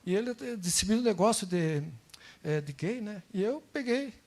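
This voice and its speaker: Man, high voice, guest missionary, animated anecdotes, church service, handheld mic. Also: moderate pace. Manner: animated storytelling, acts out dialogues, frequent tag "né?". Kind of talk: informal church talk with anecdotes. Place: church sanctuary.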